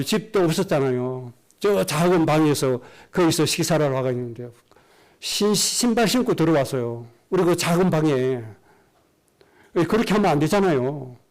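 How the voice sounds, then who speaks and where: A man's voice: on the high side, a little mellow. A middle-aged man, preaching a sermon as pastor and telling a personal story in an earnest way. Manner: earnest storytelling, acts out quoted speech.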